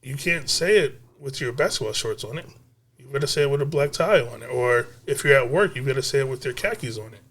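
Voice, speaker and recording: A man co-hosting a casual podcast, making his point in a punchy, animated way and repeating it for emphasis. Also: medium pitch, fast talker, husky. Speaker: podcast co-host. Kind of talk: casual debate chat.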